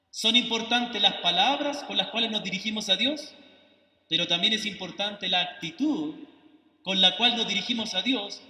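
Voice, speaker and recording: Chilean missionary preacher, male, high piercing voice, earnest and pleading, sermon in a hall. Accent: Chilean Spanish. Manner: earnest, pleading, asks "do I make myself understood?"; emotional, rises to forceful rebuke. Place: church sanctuary. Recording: echoey hall, voice from far off.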